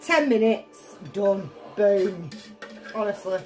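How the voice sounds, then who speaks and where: Cooking in her home kitchen, a tipsy, giggly vlogger with a Northern English accent chats bluntly and casually, exclaiming and swearing freely. Her medium-pitched voice is animated yet a little mellow, she takes it slowly, and faint music plays behind her.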